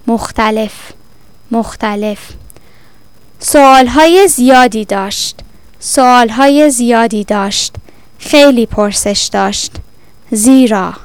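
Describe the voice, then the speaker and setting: Woman slowly reading a vocabulary list. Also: a little high, smooth, no echo. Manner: measured, deliberate dictation. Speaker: vocabulary teacher. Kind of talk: slow vocabulary drill, each word repeated then explained.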